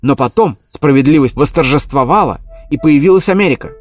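A man's voice: a little high, expressive, a little fast, no room sound, studio quality, soft background music. A man voicing a small, stubborn and proud male teddy bear in an audiobook, with a whiny, indignant way of talking. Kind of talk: audiobook character voice.

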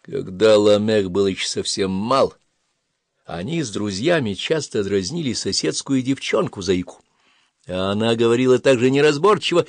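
A man with a low voice reads a fantasy audiobook in a steady, even way. The sound is close and dry, with no room around it. He keeps an unhurried storyteller's pace. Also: no room sound. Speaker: audiobook narrator. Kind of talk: scripted fantasy narration.

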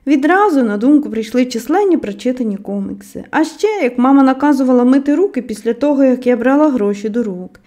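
A woman narrating an audiobook in a measured storytelling manner, letting her voice drop softly at the ends of phrases. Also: high voice, animated.

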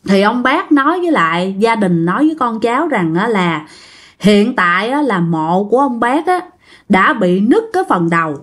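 A woman's voice: mid-range voice, very animated, normal speed, fairly bright tone. A woman casually telling a ghost story, chatting directly to her listeners.

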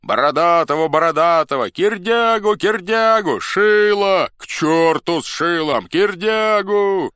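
A man voicing a rowdy, drunken crowd of male Cossacks, shouting loudly and dragging out the words. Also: sits high, expressive, smooth, no room sound, clean studio sound, pitched above the performer's own voice. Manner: loud, drawn-out shouting.

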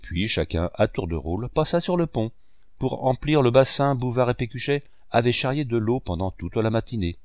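A man narrating an audiobook of a classic novel in a measured, expressive reading voice on a close mic. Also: medium pitch, dry recording.

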